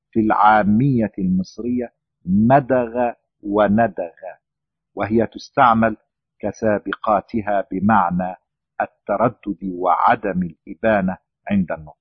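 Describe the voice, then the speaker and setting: A man reading out a lecture on words, slowly and deliberately, lifting his voice on each listed word. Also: mid-range voice, husky, dry recording. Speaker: language lecturer. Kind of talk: scripted reading of a lexical lecture. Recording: dull lo-fi dry recording.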